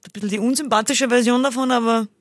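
Woman cohosting a podcast, chatty and animated, dry close sound. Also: quick pace, dry recording. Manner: chatty, animated, breaks into shrill impressions. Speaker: podcast co-host. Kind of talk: casual chat.

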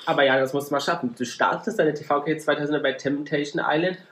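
A man's voice: a little high, fairly even intonation, fast talker, crowd noise. A man co-hosting a podcast in casual chat, speaking in a matter-of-fact way and supplying the facts. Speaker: podcast co-host. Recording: roomy echo.

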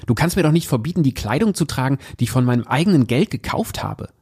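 A man's voice: medium pitch, expressive, fast talker, a little mellow, husky, voice pushed up. A man reading aloud the lines of an upset young woman who pleads and insists with her fiancé. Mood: pleading.

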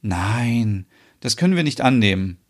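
A man voicing a cheerful, bashful young Swedish woman in a podcast soap opera, speaking in a raised, bright, laughing way. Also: medium pitch, sing-song, measured pace. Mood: polite.

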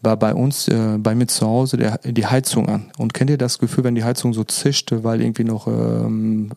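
Gravelly, flat-voiced man telling a story. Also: fairly low pitch, moderate pace, dry recording, clean studio sound. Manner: informal, many fillers, acts out quoted dialogue. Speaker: podcast guest. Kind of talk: personal storytelling in conversation.

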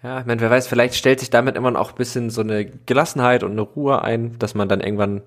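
A man's voice: medium pitch, quick pace. A man hosting a podcast, chatting casually and thinking aloud as he talks. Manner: relaxed, thinking aloud with fillers and restarts. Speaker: podcast host. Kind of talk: casual conversational interview.

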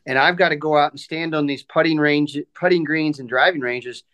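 A man's voice: on the high side, steady tone, fairly quick, fairly bright tone. A man in his mid-forties talking casually as an interview guest. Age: 40s. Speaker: guest, professional golf caddy.

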